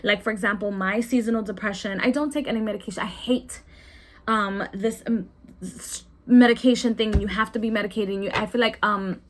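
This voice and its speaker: A woman's voice: medium pitch, steady tone, fairly quick, slight background noise. A young woman giving a casual weekly tarot reading, rambling and repeating herself with many ums and restarts. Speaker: tarot reader.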